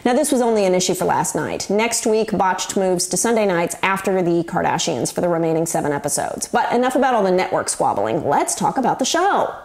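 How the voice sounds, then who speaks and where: A woman's voice: fairly low pitch, big pitch swings, fairly quick, hardly any pauses, a little mellow. A woman in her forties hosting a show, giving wry, chatty, scripted commentary to the camera. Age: 40s. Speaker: host.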